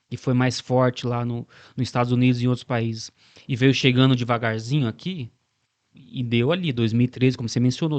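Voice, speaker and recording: A man's voice: mid-range voice, no room sound. A man with a Brazilian Portuguese accent discussing politics as a podcast host, reflective and building long arguments, often ending remarks with a questioning tag.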